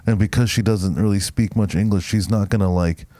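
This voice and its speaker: A podcast co-host tells stories casually and with animation, acting out both sides of each conversation, swearing now and then, and saying "bro." His voice is lowish and a little fast, with no echo.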